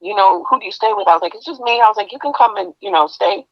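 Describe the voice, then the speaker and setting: A woman guest giving emotional personal testimony in an interview, halting and repeating her words. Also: medium pitch, dry recording, lo-fi sound.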